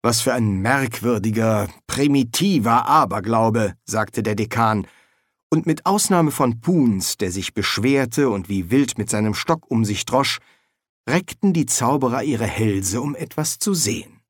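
A man narrating a fantasy audiobook in an expressive, lively reading. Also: medium pitch, unhurried, no echo, clean studio sound.

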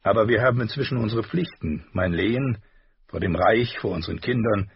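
A man's voice: on the low side, breathy edge, highs cut off. A man doing a stern, reserved lord. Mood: restrained. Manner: cool, measured, restrained.

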